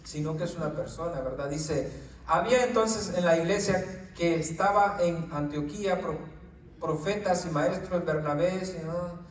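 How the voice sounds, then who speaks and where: A fairly high-voiced man preaches in an informal teaching style to a small gathering, often checking in with "right?" and "brother" and tripping over his words now and then. He sounds set back from the mic in an echoey room, with a faint hiss behind him. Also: normal speed, distant mic.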